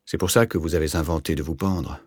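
A man voicing a calm, patient, gently ironic middle-aged man in an audiobook. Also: very deep voice, brisk, breathy edge, dry recording, studio quality. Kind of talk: audiobook character voice.

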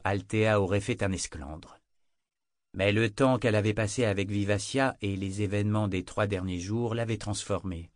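A man reading a fantasy novel aloud as narrator, in an even, measured way. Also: on the low side, no room sound, studio quality. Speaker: audiobook narrator.

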